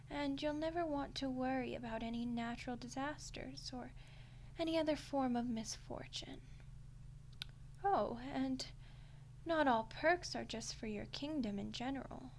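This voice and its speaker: With a high, slightly mellow voice and a faint hiss or hum in the recording, a woman plays an ancient archdemon in an ASMR roleplay monologue. She takes her time, adding whispery touches while sounding playful, condescending and quietly threatening.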